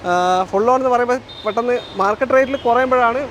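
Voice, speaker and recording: Kerala guy car host, talks fast, malayalam english mix, noisy street behind him. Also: extremely high pitch, steady tone, a bit bright. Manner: mixes Malayalam with English words; repeats and confirms what he is told. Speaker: used-car video host. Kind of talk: unscripted car showcase with questions to dealer. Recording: clearly noisy outdoor street-side sound.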